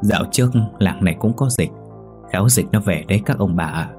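A man voicing a quick-tempered older village man who scolds and shouts. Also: sits low, faint music behind, lightly acted. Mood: brooding.

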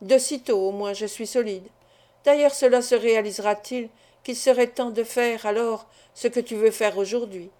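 A woman's voice: on the high side, normal speed, mellow, lightly acted. A woman reading the lines of a self-interested older male business partner in an audiobook, insistent and persuasive. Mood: pressing.

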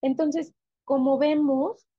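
A woman with a Mexican accent, a neurolinguist explaining as a radio guest in a slow, measured way, with frequent fillers. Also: sits high, steady tone, no echo. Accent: Mexican Spanish. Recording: dull, lo-fi radio audio.

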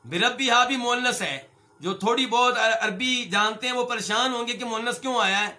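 A middle-aged male scholar gives a religious lesson, reading Arabic phrases slowly and then explaining them. He asks his listeners questions, answers them himself, and addresses them as brothers. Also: very high voice, pushed and bright. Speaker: Islamic scholar and hadith teacher.

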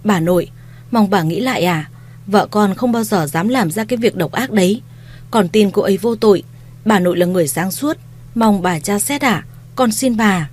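A woman's voice: mid-range voice, moderate pace, a little mellow, close to an everyday voice. A woman reading a story, voicing a young husband who respectfully pleads for his wife. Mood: anxious pleading.

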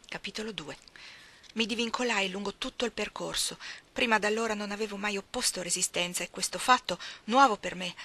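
A woman narrating a classic novel as an audiobook, expressive, dropping into soft, almost whispered passages. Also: fairly low pitch, creaky, breathy edge. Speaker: audiobook reader.

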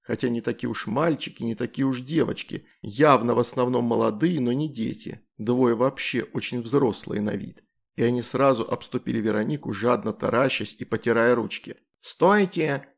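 A man narrating a fantasy storybook in an even, measured way. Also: mid-range voice, gravelly. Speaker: audiobook narrator.

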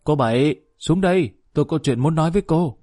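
A man's voice: fairly high pitch, expressive, fairly quick, dark tone, no echo, studio quality, voice pushed up. A man voicing a stern old male war veteran in an audio story, blunt and scolding, his voice raised above his narration. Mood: calling out.

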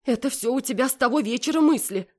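A distraught mother near tears, her voice pitched high and pleading, as a woman reading a story puts her on. She begs and frets, rising sharply as she speaks, in a storybook reading. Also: fast talker. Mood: anxious. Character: tearful pleading middle-aged mother.

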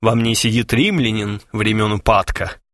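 A man's voice: fairly high pitch, big pitch swings, normal speed, a bit bright, no room sound, clean studio sound, voice pushed up. A man doing a cheeky, punning young man. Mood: cocky. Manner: jaunty and cocky. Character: cheeky, self-satisfied young man, a punster.

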